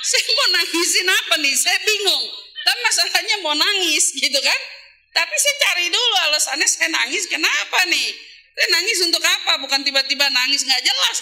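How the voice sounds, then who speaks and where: Addressing an audience of women, a female Islamic preacher talks casually about religion, asking rhetorical questions and then answering them. She stretches individual words for emphasis, and her voice is high-pitched and sharp.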